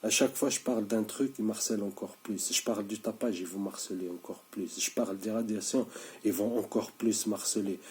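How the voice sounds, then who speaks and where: Speaking fairly quickly with a fairly low, slightly mellow voice and mostly even intonation, a sleep-deprived man in his thirties addresses the camera. It's a casual monologue, insistent and repetitive, full of stumbles and fresh starts.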